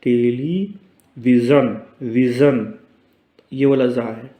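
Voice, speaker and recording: Patient man teaching letters, mellow. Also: medium pitch, fairly even intonation. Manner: patient, repeats words slowly and checks in with "theek hai". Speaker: Urdu teacher. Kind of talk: casual spoken lesson, explaining letters on a board. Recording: roomy echo.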